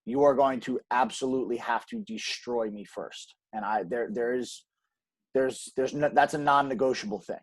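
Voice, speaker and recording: A man's voice: mid-range voice, moderate pace, no room sound. Emphatic man in a dry interview. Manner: earnest, emphatic, frequent restarts and ums. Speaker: podcast guest, gym co-owner. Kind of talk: conversational interview.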